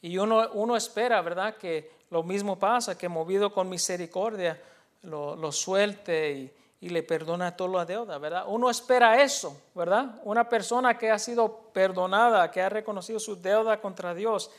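High-voiced man preaching a bilingual sermon. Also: moderate pace. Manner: explains a passage, then repeats the point in a second language; earnest, teacherly, hesitant fillers and restarts. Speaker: pastor.

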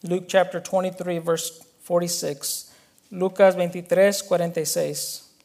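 Pastor, man, high voice, unhurried sermon delivery that swells into forceful emphasis. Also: flat delivery, vocal fry. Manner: slow, emphatic preaching, building to loud declarations. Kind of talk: bilingual sermon, Spanish with English restatements.

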